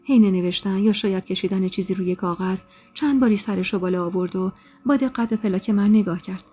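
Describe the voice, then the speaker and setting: Woman storyteller, calm and intimate, mellow tone, soft music underneath. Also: medium pitch, breathy edge. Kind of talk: first-person story narration. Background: faint background music.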